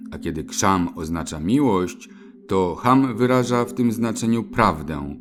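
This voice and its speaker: Slow, low-voiced man narrating calmly. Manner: slow, measured, solemn delivery. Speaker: spiritual teacher. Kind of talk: scripted narration on chakras.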